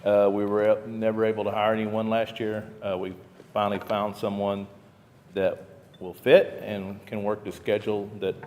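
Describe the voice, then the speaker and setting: A man speaking as a sheriff, giving a halting report at a public meeting. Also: on the low side, completely flat delivery, a little mellow. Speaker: sheriff presenting a staffing request. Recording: reverberant room, faint noise.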